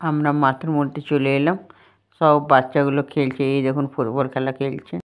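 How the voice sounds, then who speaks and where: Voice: medium pitch, flat delivery, a little fast. A family vlogger chats through a casual walking vlog outdoors, speaking into a handheld phone and pointing things out to viewers. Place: outdoors, walking through a village, fields and a house.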